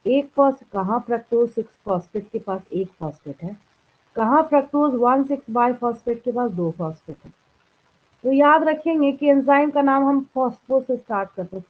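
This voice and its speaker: A woman with a fairly high, husky voice teaches biology to a class. She poses each point as a question and answers it herself, checking often that the students follow. The sound is thin and phone-like. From India. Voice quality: clears throat now and then. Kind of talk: classroom lecture in a live class.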